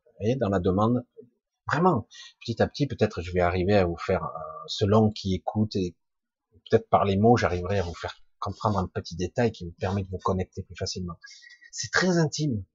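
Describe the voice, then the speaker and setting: A man with a low, husky, rough voice, a spiritual teacher, answers online listeners' questions live in an informal talk. He is expressive, halting yet emphatic, using earthy colloquial wording with casual swearing and sound-effect words, and coughs now and then. The recording is muffled, with no room sound.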